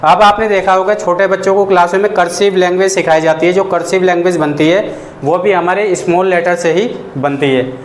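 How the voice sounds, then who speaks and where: A man's voice: high voice, steady tone, a little fast. A man teaching a basic English lesson to students. He talks patiently, repeats his points and asks the class questions. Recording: echoey room with faint noise.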